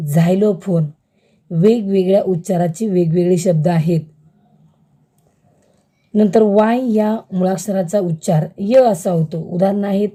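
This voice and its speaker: A woman teacher giving a school lesson on letter sounds, slow, careful and word by word. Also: fairly low pitch, mellow.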